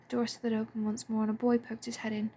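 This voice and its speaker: A woman reading a story aloud in a soft, breathy and hushed way. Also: a little high, monotone, quick pace. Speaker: fan audiobook reader. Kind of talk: storybook narration.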